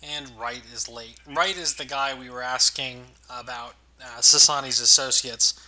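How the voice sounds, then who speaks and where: A man's voice: medium pitch, fairly even intonation, a little slow, pushed and bright. A man giving casual let's play commentary as host, with wry, amused understatement. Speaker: gaming video host.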